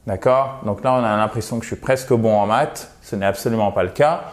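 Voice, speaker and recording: Lively man teaching English stress. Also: on the low side, a little fast. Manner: lively, repeats words with exaggerated stress. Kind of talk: video pronunciation lesson.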